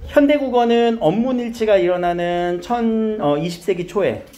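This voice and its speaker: A man teaching a high school grammar lesson, asking his students questions, coaxing answers and repeating key terms. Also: normal speed, dark tone.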